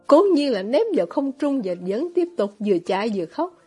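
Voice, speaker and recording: A woman narrating a novel as an audiobook, reading in a steady storytelling manner. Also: fairly high pitch, a little fast, soft background music.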